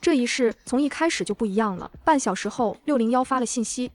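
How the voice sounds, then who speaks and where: A young woman voicing a calm, vengeful reborn heroine who narrates her own story in a cool, matter-of-fact way. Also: on the high side, fast talker, dry recording, lightly acted. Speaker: first-person narrator and heroine. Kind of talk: dramatic audio narration.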